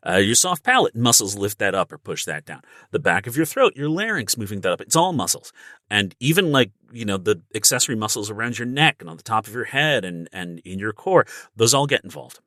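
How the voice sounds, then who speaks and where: On a podcast, this voice actor and audiobook narrator talks a little fast, his fairly low voice pushed and bright with big swings in pitch. He teaches through casual, emphatic comparisons to everyday life, and the studio-quality recording is dry.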